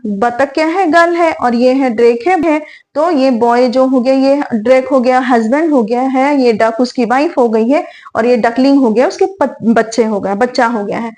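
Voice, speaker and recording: A woman's voice: high-pitched, a little mellow. A woman teaching a lesson for young children, asking a question and answering it herself, again and again. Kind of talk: tutorial for young learners.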